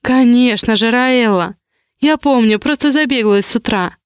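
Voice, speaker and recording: A woman's voice: on the high side, smooth, no echo, clean studio sound, natural voice. A woman voicing an effusive, cheerful female pastry shop owner in an audiobook, exclaiming and drawing out her words. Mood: gushing. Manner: bubbly, exclaiming, drawn-out gushing. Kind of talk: audiobook character voice.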